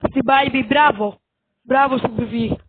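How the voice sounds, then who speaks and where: Very high voice, tinny phone-like audio. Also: slightly rough, no echo. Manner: excitable, repeats phrases over and over; quick exclamations and shouted orders to teammates. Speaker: gamer. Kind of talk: live gameplay commentary.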